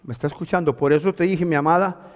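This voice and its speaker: A male pastor giving an animated sermon, often calling out questions to his congregation. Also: on the high side, fast, in a large hall. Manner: animated preaching, calls to the congregation.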